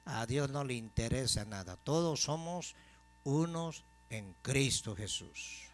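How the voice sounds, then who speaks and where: A man preaching a sermon as pastor, asking the congregation questions and slowing down to stress key phrases. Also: medium pitch, animated. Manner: call-and-response questions to the congregation.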